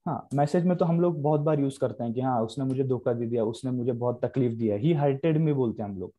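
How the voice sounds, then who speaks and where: Hindi-speaking male grammar teacher, dark voice. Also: medium pitch, fairly quick. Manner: explains in Hindi mixed with English, repeats key terms. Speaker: online English grammar teacher. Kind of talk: live online lecture.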